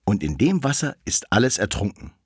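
A narrator reading a fairy tale aloud in a lively, animated way. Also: mid-range voice, fairly quick, breathy edge, no room sound, studio quality.

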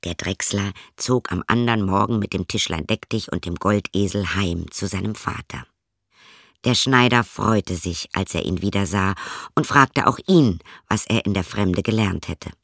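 A man reading a fairy tale aloud with expressive, vivid storytelling. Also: fairly low pitch, a little slow, gravelly, no room sound, clean studio sound. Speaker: narrator.

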